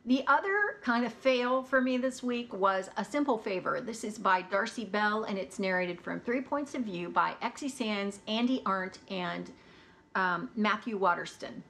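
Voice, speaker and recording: An American woman chatting about audiobooks in a relaxed, candid way. She talks plainly, with easy asides, at a middling pitch. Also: a little slow, vocal fry. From United States. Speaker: audiobook reviewer. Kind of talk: casual chat.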